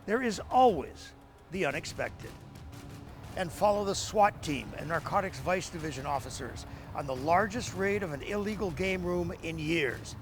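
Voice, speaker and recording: A man with a high-pitched voice delivers scripted program narration. Music plays clearly behind his words. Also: animated, normal speed.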